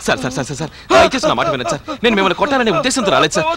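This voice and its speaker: A volatile young lover, high and lively. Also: male voice, racing, very noisy. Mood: pleading. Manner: swings from pleading to raging threats. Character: volatile, obsessive young man in love. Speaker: film character. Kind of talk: dubbed film acting.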